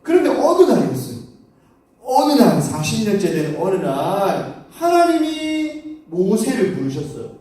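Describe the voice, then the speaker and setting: A man's voice: high-pitched, wildly swooping pitch, unhurried, mellow. A man preaching a children's sermon, telling a Bible story with animation and asking the children questions, recorded from far off in a church hall. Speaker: children's pastor. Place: church sanctuary.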